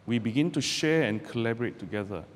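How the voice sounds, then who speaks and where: A Malaysian barrister giving a guest talk to students speaks from a podium in a lecture hall, his medium-pitched voice animated but measured, deliberate, and full of pauses. The hall is roomy with long reverb and faint background noise.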